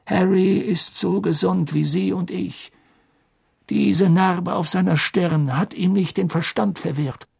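A man voicing an old, wise male headmaster who speaks calmly and gravely. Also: sits high, slow, no echo, studio quality, voice pushed up, heavily acted. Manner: calm, grave, at times hushed.

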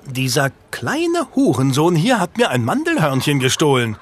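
A man's voice: on the high side, huge pitch swings, moderate pace. A man voicing a coarse, angry market baker woman who growls her words in a storybook reading. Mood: gruff.

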